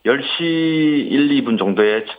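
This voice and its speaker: A male airline passenger, interviewed by phone, offers a polite, unplanned account with slightly hesitant wording. He talks slowly in a mid-range voice with lively intonation, and the call sounds muffled and band-limited.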